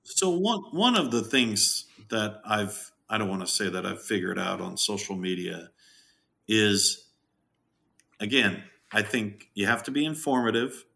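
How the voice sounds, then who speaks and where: A middle-aged man talks casually as a guest, jokey and animated. His voice sits fairly low but rings bright and forceful. He throws himself into quoted lines. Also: a little slow, gravelly. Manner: jokey, animated, acts out quotes with big pitch jumps. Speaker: farm owner, podcast guest. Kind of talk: casual interview chat.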